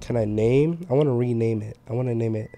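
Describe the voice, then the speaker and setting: A man's voice: mid-range voice, brisk, mellow, faint music behind. A man with a stuffy, sick voice giving casual let's-play commentary while he plays a game. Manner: chatty, thinks aloud while playing. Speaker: game streamer.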